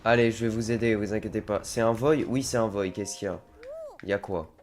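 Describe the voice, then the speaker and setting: A man's voice: on the low side, fairly even intonation, brisk, a little mellow, a little hiss or hum. A man with a head cold casually chatting to viewers while streaming a game. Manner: chatty, rambling, talks to viewers. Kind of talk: casual let's-play commentary. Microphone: desk microphone.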